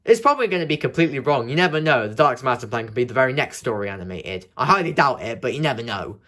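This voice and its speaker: A man's voice: medium pitch, lively intonation, rapid-fire, bright, forceful tone. A young man with the hiccups, rambling through casual vlog commentary with many restarts and fillers. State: has the hiccups. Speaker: video creator.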